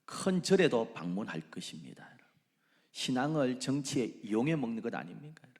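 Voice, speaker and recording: Animated pastor preaching dramatically. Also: male voice, medium pitch, normal speed. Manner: dramatic, swings between loud exclamations and hushed whispers. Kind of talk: sermon. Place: church sanctuary.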